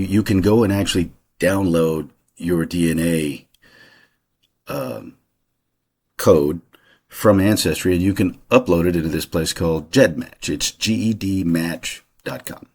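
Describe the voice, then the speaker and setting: A man's voice: low-pitched, darkish tone. A middle-aged man talking casually about his family history in a rambling way, with lots of fillers and restarts. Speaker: channel host. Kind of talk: casual personal monologue.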